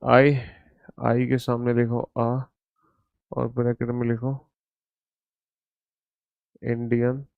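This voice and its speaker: Slow gravelly male teacher dictating. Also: medium pitch, completely flat delivery, dry recording, narrow, tinny audio. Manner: calls students "beta", slow dictation with repeated instructions. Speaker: reasoning teacher. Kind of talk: online exam-prep class.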